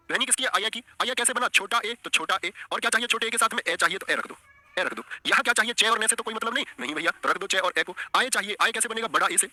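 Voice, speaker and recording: A man's voice: high voice, sharp tone, no echo. A man teaching an online exam-prep lesson, coaxing the class and repeating his questions.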